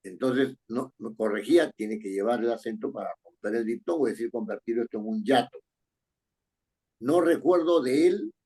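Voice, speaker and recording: A man's voice: on the low side, steady tone, a little fast, few pauses, warm tone, breathy edge. A man teaching writing in an online class, explaining step by step and checking in with his students.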